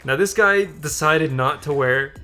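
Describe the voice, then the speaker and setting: A young man with a sharp, higher-pitched voice and measured pace co-hosts a gaming channel, casually telling a rambling, amused story over gameplay with background music. His chatty style includes some swearing.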